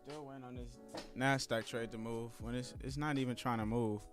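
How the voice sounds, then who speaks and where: A man in his thirties talking casually to his live-stream viewers, calling them guys and y'all. He rambles in a relaxed way at a medium pitch. Faint music plays underneath. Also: brisk. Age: 30s. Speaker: trading streamer.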